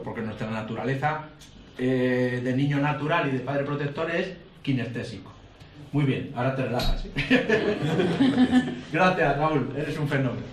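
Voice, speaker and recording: A man lectures a workshop group in a high, lively voice, throwing quick questions at them. He sits far from the mic in an echoey room with faint background hiss. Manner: explains with frequent tag questions to the group. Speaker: course instructor. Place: lecture room in front of an audience. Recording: roomy amateur recording from afar.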